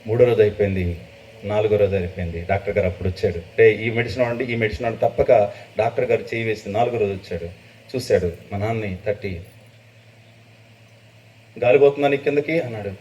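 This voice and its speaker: A middle-aged man preaching a testimony sermon, telling his story with emotion and rising to loud, high bursts. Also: fairly even intonation, fast. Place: church gathering. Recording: distant dull mic with faint noise.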